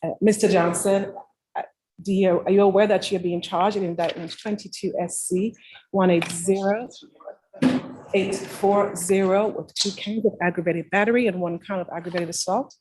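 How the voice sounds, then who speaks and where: A woman of middle pitch reads out oaths and plea questions in a formal, scripted way as the court clerk. A faint noise sits under her voice. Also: steady tone, moderate pace.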